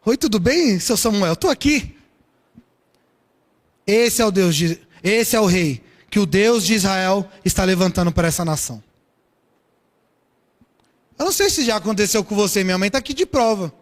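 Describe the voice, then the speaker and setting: High-voiced preacher in a reverberant hall. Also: male voice, moderate pace. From São Paulo, Brazil. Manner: lively storytelling preaching with rhetorical questions. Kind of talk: sermon.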